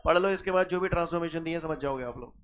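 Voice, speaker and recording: Man, high voice, physics teacher, lively quizzing lecture, faint background noise. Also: very fast. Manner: lively, quizzes students with rhetorical questions. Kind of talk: classroom lecture.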